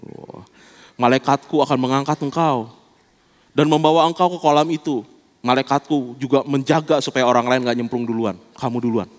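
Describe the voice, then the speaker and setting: A man voicing God, calm and reassuring. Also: medium pitch, normal speed, in a large hall, voice pushed down, close to an everyday voice. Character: calm, promising male God speaking to the sick man.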